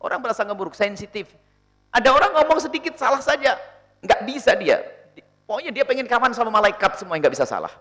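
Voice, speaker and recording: A man's voice: very high-pitched, sing-song, fast, a bit bright, soft background music. A man preaching in a sermon, answering a question and acting out little dialogues in different voices as he goes.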